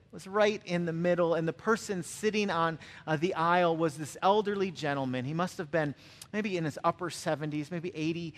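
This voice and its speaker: A man's voice: a little high, a little fast, long reverb tail. A man preaching a sermon, an emphatic storyteller who repeats his phrases for effect. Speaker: pastor.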